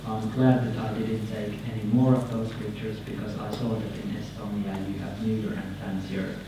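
A man in his thirties with a Finnish accent giving a conference presentation at a podium microphone, halting and repeating words, his phrases trailing off. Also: on the low side, flat delivery, very noisy. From Finland. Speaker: conference speaker. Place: conference hall, indoors. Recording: echoey hall, picked up from far off.

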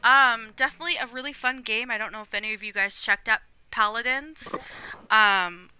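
Laid back young woman streaming games, rambles with lots of ums, super bright voice. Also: a little high, normal speed, clean tone, low-quality recording. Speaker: gaming streamer. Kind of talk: casual live-stream chat.

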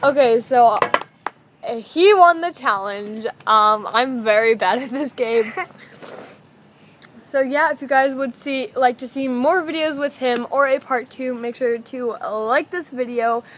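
A woman's voice: sits high, measured pace, fairly bright tone. A teenage young woman chatting casually as host of a challenge vlog outdoors, with stifled giggles breaking into her talk. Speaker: video host. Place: outdoors on a house patio. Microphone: camera mic at table distance. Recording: noisy outdoor camera recording.

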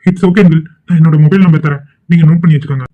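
A man's voice: a little high, steady tone, rapid-fire, natural voice. A man voicing a polite, ingratiating young college suitor in a cartoon. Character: smooth-talking young male college suitor. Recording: tinny phone-like audio.

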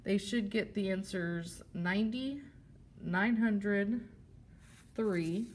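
A woman's voice: mid-range voice, slow, a little hiss or hum. A woman teacher giving a plain, step-by-step walkthrough of a classroom game, showing the props as she talks. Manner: plain explanatory, steady step-by-step.

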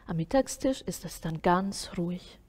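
A woman reading a Sunday school story aloud to children, soft and often sinking to a near whisper. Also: fairly low pitch, expressive, normal speed, breathy edge.

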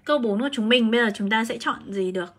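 Woman, English teacher, live online lesson, bright clear tone, fairly high voice, chatty, calls on students by name. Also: fast. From Vietnam. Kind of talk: live-streamed exam prep lesson.

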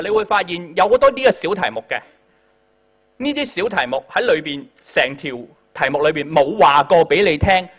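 A man with a Hong Kong Cantonese accent giving a classroom lecture as a workshop tutor, often prompting the class with "嗱" and "嚇". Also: fairly high pitch. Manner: addresses the class directly with frequent "嗱" and "嚇" prompts. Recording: dull lo-fi recording.

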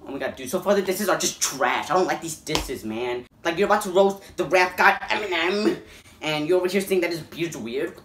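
A man hosting a reaction video, excitable and swearing constantly, breaking into loud yelps of disbelief. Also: a little high, a little fast. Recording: echoey room.

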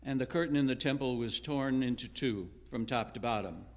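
A man reading scripture aloud during a church worship service, slow and measured, pausing between phrases. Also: mid-range voice. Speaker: scripture reader. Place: church sanctuary.

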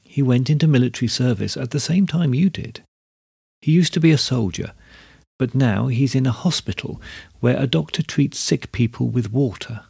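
A man's voice: moderate pace, creaky, warm tone, slightly rough, no echo, clean studio sound. A man doing a feeble old peasant man. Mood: weary. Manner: feeble, low voice.

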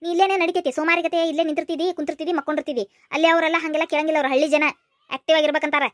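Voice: high voice, little pitch movement, very fast, dry recording, studio quality, close to an everyday voice. A voice actor putting on a nagging village mother who scolds her lazy son, with a North Karnataka Kannada accent. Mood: scolding.

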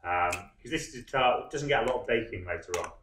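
A man in his thirties, a head chef, talking through a cooking demonstration step by step in a relaxed, explanatory way with frequent ums. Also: medium pitch, fast talker, slight background noise. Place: large wood-panelled college hall, indoors. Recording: echoey hall.

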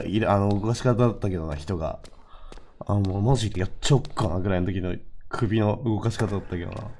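Low-voiced man joking through a horror game. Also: slight background noise. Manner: joking, unflustered banter with the game characters; lively, dry running remarks to himself. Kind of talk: casual let's-play commentary.

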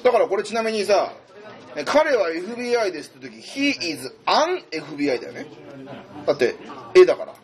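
A man's voice: high-pitched, sing-song, fast, pauses often, a little mellow. A man tutoring in a casual, chatty way, thinking aloud as he explains. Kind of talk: casual whiteboard lesson.

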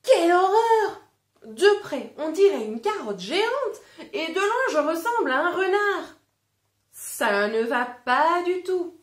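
A woman's voice: sits high, slow, fairly bright tone, roomy sound. A woman voicing a fussy male wolf from a children's storybook, exclaiming in dramatic complaints about how he looks. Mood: horrified. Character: fussy male wolf unhappy with his color.

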